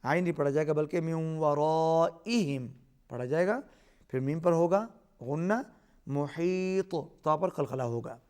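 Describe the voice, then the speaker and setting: A man hosting a Quran recitation lesson. He recites verses slowly and drawn out, then explains the pronunciation rules quickly. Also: on the high side, a little mellow, clear, resonant tone. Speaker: Quran teacher and host.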